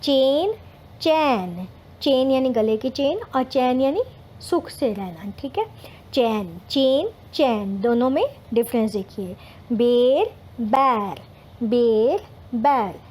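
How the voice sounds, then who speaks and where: A woman with a high, darkish voice patiently teaches children Hindi vowel signs, sounding out syllables and explaining words while mixing in English terms. Her intonation is lively and her pace measured, with slight background noise. It's a slow, careful Hindi lesson for kids.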